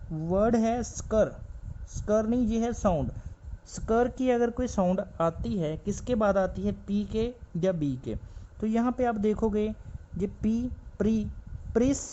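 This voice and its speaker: A man's voice: high-pitched, dark tone. A man teaching a stenography class, explaining shorthand strokes as he writes and repeating each word several times. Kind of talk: shorthand lesson, explaining while writing. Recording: slightly dull lo-fi recording with faint background noise.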